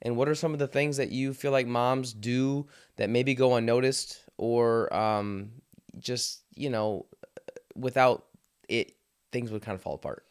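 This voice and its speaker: A man's voice: medium pitch, fairly even intonation, unhurried, clean tone. A man in his thirties hosting a casual podcast with his wife, rambling with lots of fillers and swearing freely. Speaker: podcast host.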